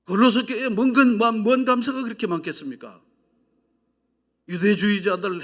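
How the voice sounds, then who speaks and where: Emphatic preaching pastor, man. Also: high voice. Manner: emphatic preaching, swings from loud exhortation to hushed whispers; asks the congregation questions and leads them in repeating phrases. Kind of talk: sermon. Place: church sanctuary.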